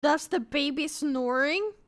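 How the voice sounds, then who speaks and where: A woman streamer chatting casually as she reacts to clips, giggly and excitable. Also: sits high, a little slow. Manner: giggly and excitable, tells stories. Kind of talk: casual chat.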